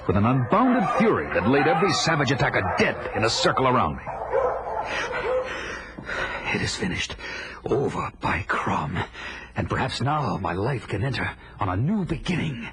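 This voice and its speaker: A man's voice: fairly low pitch, very noisy. An actor playing a fierce, proud barbarian warrior who recounts his life in grandiose, theatrical audio-drama style. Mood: weary, relieved. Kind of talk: dramatic first-person narration, 1980s audio drama. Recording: dramatic music under the voice.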